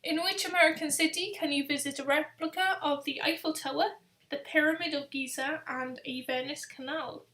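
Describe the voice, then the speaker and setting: Chatty high-voiced woman, echoey. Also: steady tone, pushed and bright. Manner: chatty, rambling, reads questions out slowly and repeats them. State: tired, yawning. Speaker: quiz host on a live stream. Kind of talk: casual live-stream chat. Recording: echoey room sound.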